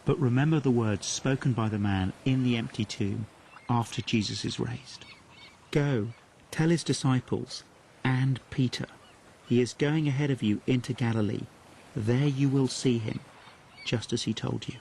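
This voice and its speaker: A man's voice: mid-range voice, creaky, darkish tone, a little hiss or hum. Earnest man giving a Bible talk. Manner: earnest, measured, reflective. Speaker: presenter. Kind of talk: scripted Bible teaching talk.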